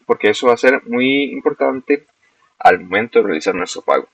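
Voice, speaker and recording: A young man, a student walking through a screen-recorded software demo step by step and correcting himself as he goes. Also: medium pitch, expressive, fairly quick, gravelly, slightly rough, dry recording. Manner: explains step by step, self-corrects. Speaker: student presenting a project. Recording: dull, lo-fi dry recording.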